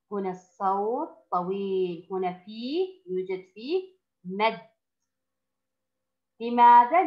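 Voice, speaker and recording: A woman teaching first graders, who speaks slowly and patiently, stretches out the sounds she teaches and praises the class often. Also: fairly high pitch, highs cut off. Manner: slow, patient, drawn-out sounds with frequent praise. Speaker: primary school teacher. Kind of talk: recorded classroom lesson for young children.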